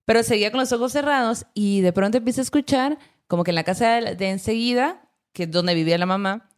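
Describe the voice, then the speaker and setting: A woman's voice: mid-range voice, fast. Slangy Mexican woman telling a scary story. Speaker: podcast host. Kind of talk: casual storytelling.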